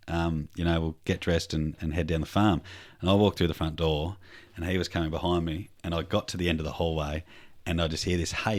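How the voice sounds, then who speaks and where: A young man telling a story in a laid-back chat, swearing freely and trailing off with fillers. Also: sits low. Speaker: podcast host.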